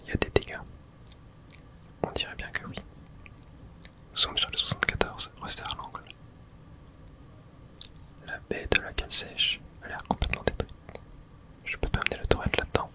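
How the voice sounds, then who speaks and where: The whisper here is hushed and unvoiced as the person reads dialogue aloud during an ASMR game playthrough. They go at a normal speed but stop frequently.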